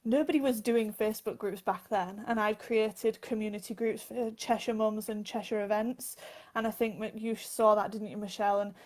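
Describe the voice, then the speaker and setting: A woman speaks as a guest on a live phone interview. She talks in an earnest, open way, with a voice of ordinary pitch for a woman. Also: steady tone, normal speed, darkish tone. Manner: earnest, laughs between phrases. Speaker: guest, author and advocate. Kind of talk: casual interview answers.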